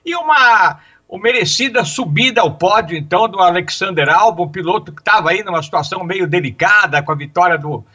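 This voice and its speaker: A Brazilian man analyses motor racing off the cuff in a high, bright, forceful voice. He thinks aloud with halting phrasing. The broadcast sound is somewhat dull and lo-fi. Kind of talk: unscripted race analysis.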